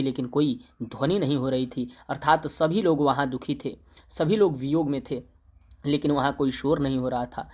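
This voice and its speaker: A young male teacher explaining a poem line by line, slowly reciting the verse and then paraphrasing it in plain speech with fillers. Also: a little high, a little mellow.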